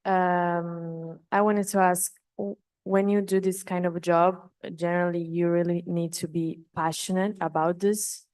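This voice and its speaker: A woman's voice: on the low side, little pitch movement, measured pace, a little mellow. A woman, a student, asking a polite and slightly hesitant question. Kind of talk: formal audience question.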